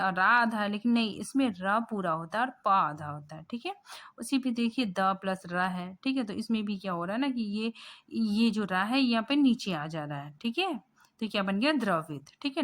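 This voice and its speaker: A woman's voice: mid-range voice, a bit bright. Woman teaching grammar off slides, keeps asking if you got it, lots of ums, patient. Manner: checks in constantly with "ठीक है?", rising; patient, repeats points, thinks aloud with fillers. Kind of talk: grammar lesson explaining slides.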